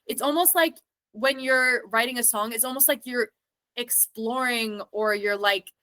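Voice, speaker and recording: A woman's voice: on the high side, a little slow, bright, forceful tone. A woman talking as an interview guest, thinking aloud in a rambling way with lots of filler words. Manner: thoughtful, rambling, many "like" fillers. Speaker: interview guest, singer and actor. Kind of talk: casual interview chat.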